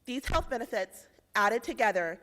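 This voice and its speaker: A young woman from Indiana presents a rehearsed policy pitch in a slightly high voice. She lays out facts and figures in a clear, measured, persuasive way. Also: animated, fairly bright tone, slight background noise.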